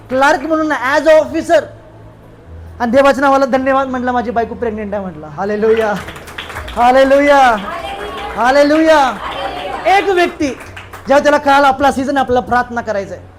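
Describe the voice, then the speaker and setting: A man's voice: very high voice, expressive, moderate pace, pauses often, noisy background. A man pastor with a Marathi accent preaching a sermon in a church hall, emphatic and calling out hallelujahs. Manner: emphatic, calls out hallelujahs with the congregation.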